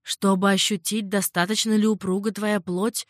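A woman's voice: medium pitch, flat delivery, normal speed, no room sound, studio quality, lightly acted. Unruffled old woman servant, read by a woman. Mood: calm. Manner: unruffled, coaxing and patient.

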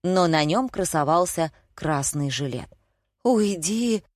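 A woman narrating a first-person story with a wry, ironic touch. Her voice sits somewhat low. The studio recording is dry and close. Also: animated, normal speed, darkish tone, no room sound. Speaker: audiobook narrator.

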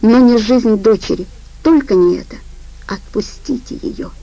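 A woman's voice: fairly high pitch, measured pace, dark tone, rough recording. A woman voicing a desperate young female doctor, frantic and pleading, in an audiobook. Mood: bitter.

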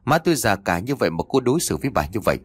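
A man's voice: fairly low pitch, very animated, very fast, slightly rough, dry recording. A man doing an arrogant cold husband. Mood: contemptuous. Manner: contemptuous and hissing through teeth.

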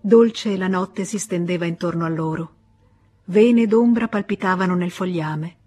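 A woman reading a classic novel aloud in a measured, expressive literary narration. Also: lowish voice. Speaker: audiobook narrator. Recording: faint music bed.

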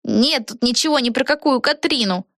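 A woman's voice: high-pitched, animated, moderate pace, fairly bright tone, no room sound, clean studio sound, voice pushed up. A woman voicing a brash, impatient young girl in a storybook, speaking bluntly and hurriedly in a raised voice.

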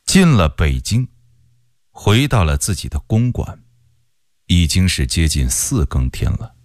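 Guy reading a historical story on the radio, lowish voice, lots of swing, very dry. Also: dry recording. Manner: expressive and unhurried, with wide swings of voice. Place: radio studio.

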